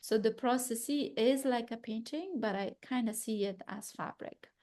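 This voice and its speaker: At a gallery talk, an artist from Afghanistan in her thirties considers her own work with care, repeatedly restarting and hunting for words. She has a slightly high, darkish voice and speaks a little slowly.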